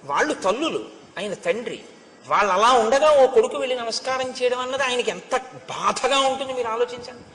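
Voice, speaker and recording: A man's voice: extremely high pitch, animated, fairly quick, a bit bright. A man giving a devotional storytelling discourse, retelling scenes expressively and chanting Sanskrit verses before explaining them. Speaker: religious discourse speaker. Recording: echoey hall with long reverb.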